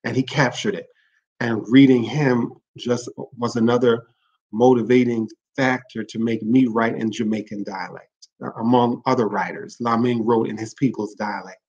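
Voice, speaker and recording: Male host, mid-pitched, earnest and reflective literature talk; self-corrects often; slightly dull lo-fi recording. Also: fairly even intonation, moderate pace, darkish tone. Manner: earnest, reflective, restarts phrases to correct himself. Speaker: livestream host discussing literature. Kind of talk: informal literary talk with read-aloud excerpts.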